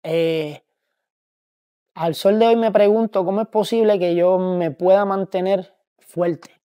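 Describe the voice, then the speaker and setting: Puerto rican guy telling his faith testimony, slow and halting, warm mellow tone. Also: high-pitched, steady tone, clear, resonant tone. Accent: Puerto Rican Spanish. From Puerto Rico. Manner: grieving, halting, with many pauses and restarts. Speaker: testimony speaker.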